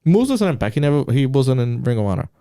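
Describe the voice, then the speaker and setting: A man co-hosting a podcast in casual chat, opinionated and quick in the back-and-forth. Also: medium pitch, big pitch swings, warm tone. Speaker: podcast co-host.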